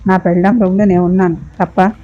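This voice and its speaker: A woman's voice: on the low side, level tone, fast, dark tone, muffled recording, close to an everyday voice. A woman voicing an irritable young husband, curt and brooding.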